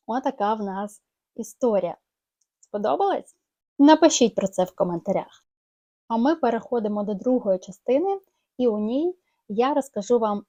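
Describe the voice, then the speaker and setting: A woman with a Ukrainian accent, a native Ukrainian speaker, teaching English pronunciation. She explains patiently and repeats English phrases slowly. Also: mid-range voice, warm tone.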